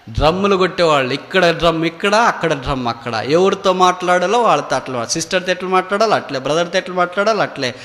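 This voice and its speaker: A man with a Telugu accent preaching a sermon in a prayer hall, swinging from loud rising cries to low quiet asides. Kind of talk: sermon with acted story. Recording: long hall reverb.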